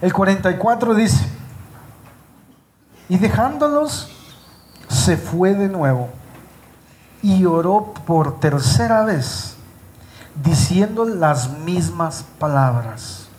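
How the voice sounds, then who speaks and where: High-voiced preacher man reading scripture slowly. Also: expressive, darkish tone, slight background noise. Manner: slows down and stresses words when reading scripture; speaks directly to the congregation. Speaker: pastor. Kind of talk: live Spanish sermon. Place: church sanctuary with congregation.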